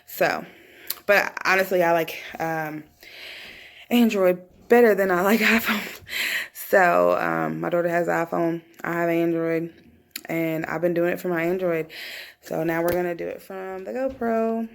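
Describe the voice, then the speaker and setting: A woman's voice: lowish voice, fairly even intonation, unhurried, gravelly. A woman in her thirties chatting casually in a rambling way, thinking aloud as she films an unboxing vlog at home on a phone. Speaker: vlogger. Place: small room at home, indoors. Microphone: phone at arm's length.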